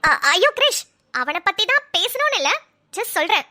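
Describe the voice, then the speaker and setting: A woman voicing a lively young woman who teases her childhood friend in quick banter. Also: extremely high pitch, exaggerated voice. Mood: teasing.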